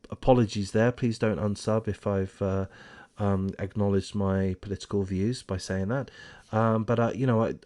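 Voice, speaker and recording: A man's voice: lowish voice, a little mellow. A man hosting his own channel, giving casual, opinionated news commentary in a rambling way with many ums and uhs. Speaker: channel host. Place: home in Australia.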